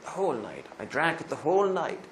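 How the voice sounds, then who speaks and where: A man's voice: a little high, huge pitch swings, fairly quick, a little hiss or hum. A male preacher giving a sermon, retelling another man's story in the first person and rising to emphatic pleas at its peaks. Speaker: Islamic preacher.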